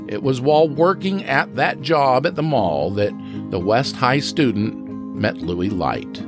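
A man's voice: medium pitch, expressive, unhurried, over music. A man hosting a podcast, reading a scripted true crime narration.

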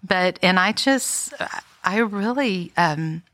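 A woman's voice: mid-range voice, animated, takes it slowly, fairly bright tone, slight background noise. A middle-aged woman, co-hosting a podcast and sharing stories in a reflective, easygoing way with many fillers. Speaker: podcast co-host. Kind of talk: casual chat.

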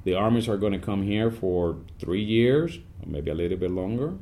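A man, speaking as an Army command sergeant major guest in an upbeat, animated podcast interview. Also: low voice. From Puerto Rico. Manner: upbeat, animated, speeds up and slows down.

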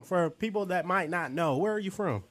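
A man's voice: high-pitched, expressive, normal speed, fairly bright tone. A man co-hosting a faith and culture podcast, hype and slangy as he interviews a guest. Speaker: podcast co-host. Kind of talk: casual interview.

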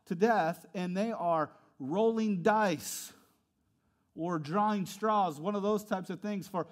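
A man preaching a sermon in a lively, conversational way, swinging between hushed reflection and loud emphasis. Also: high voice, takes it slowly. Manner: animated, acts out quotes in character voices. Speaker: pastor.

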